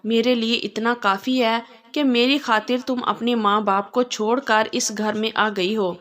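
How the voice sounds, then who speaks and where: A woman's voice: a little high, steady tone, measured pace, fairly bright tone. A woman voicing an affectionate, playful young husband in a read-aloud story. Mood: fond. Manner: fond and playful.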